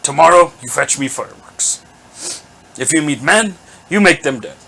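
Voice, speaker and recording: A man voicing a boastful male goblin chieftain who booms his orders in broken, grandiose grammar. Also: lively intonation, normal speed, vocal fry, sharp tone, full character voice, rough recording. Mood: commanding. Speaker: game master voicing a character.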